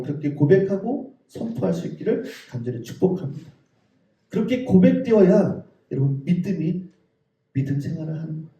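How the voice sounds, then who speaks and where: A middle-aged man preaching a sermon as pastor, fervently calling out to his congregation, his voice climbing high on declarations and then dropping low and soft. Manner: addresses the congregation often. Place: church sanctuary. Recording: roomy church sound from a distant mic.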